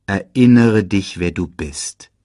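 A man voicing Mufasa, the ghost of a solemn lion king who speaks low and slow. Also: mellow, dry recording, studio quality.

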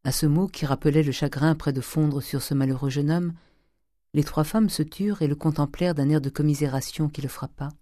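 A man narrating a classic novel as an audiobook in a measured, even way. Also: a little high, no room sound, studio quality. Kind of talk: scripted narration.

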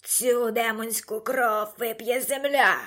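A woman's voice: on the high side, fairly even intonation, takes it slowly, a bit bright. A woman reading an audiobook and voicing a cold, menacing male aristocrat swordsman who speaks curtly and commands. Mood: cold menace. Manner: curt, icy, commanding.

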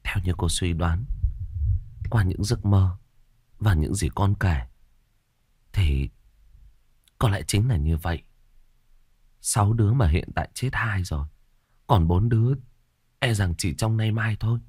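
A man voicing a frantic middle-aged mother who scolds in a shrill voice and then turns grave, in a told ghost story. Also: unhurried, long pauses, darkish tone, breathy edge, no room sound, studio quality.

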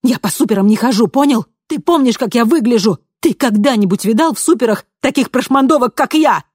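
An audiobook reader voicing a timid young woman who speaks quietly and uncertainly, then shouts back shrilly. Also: medium pitch, measured pace, gravelly, slightly rough, dry recording, studio quality, exaggerated voice. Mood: shrieking angry. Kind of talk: audiobook character voice.

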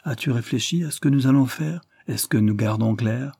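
A man voicing a gentle, candid middle-aged wife in a storybook reading, speaking calmly and tenderly. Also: medium pitch, normal speed, creaky, no echo, studio quality. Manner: calm, candid, softly tender.

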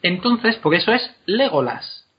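A man explaining pronunciation in a casual, animated way, drawing words out slowly to demonstrate them. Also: a little high, slightly rough. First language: Spanish. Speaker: guest explaining Elvish pronunciation. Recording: dull lo-fi podcast recording.

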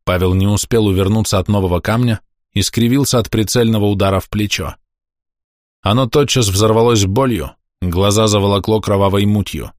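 Male narrator, low voice, measured and tense delivery, dry booth sound. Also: fairly even intonation, darkish tone, dry recording. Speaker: audiobook narrator. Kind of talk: dramatic audiobook narration.

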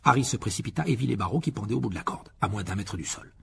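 A man narrating an audiobook in an expressive reading style. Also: fairly low pitch, racing, creaky, slight background noise. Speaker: audiobook reader.

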